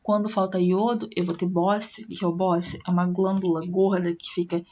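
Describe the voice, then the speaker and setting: A woman's voice: on the low side, little pitch movement, normal speed, a little mellow, dull audio. A woman with a Brazilian Portuguese accent, a science teacher giving a recorded online class and explaining step by step with frequent tag questions.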